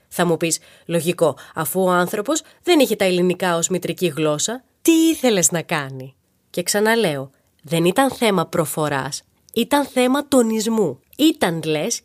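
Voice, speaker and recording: A woman host telling darkly comic stories in a playful monologue, talking straight to the listener. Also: mid-range voice. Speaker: podcast host. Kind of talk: comedic storytelling monologue.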